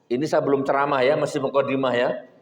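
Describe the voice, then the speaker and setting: A man preaching a sermon, telling stories and swinging between loud exhortation and low asides. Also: level tone, fast. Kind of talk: sermon with storytelling. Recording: echoey hall with long reverb.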